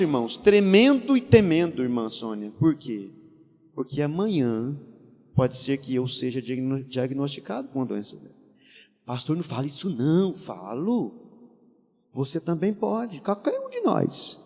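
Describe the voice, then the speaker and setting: Male pastor, high and very expressive, hushed-to-soaring sermon, long hall reverb. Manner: swings from hushed to soaring, preaching emotionally.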